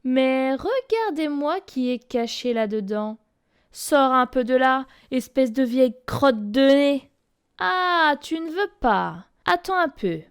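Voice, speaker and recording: A woman's voice: sits high, animated, unhurried, few pauses, a little mellow. A woman voicing a rude, mocking little girl who grumbles and taunts. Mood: taunting.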